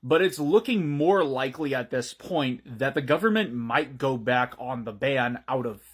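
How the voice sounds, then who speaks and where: A man giving brisk, sardonic commentary on a news story. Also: medium pitch, animated, husky.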